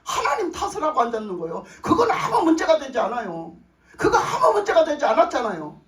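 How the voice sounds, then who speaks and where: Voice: sits high, wildly swooping pitch, fairly quick. A pastor preaching a sermon emphatically, repeating phrases and putting questions to the congregation. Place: church sanctuary with congregation. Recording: roomy echo, voice far from mic.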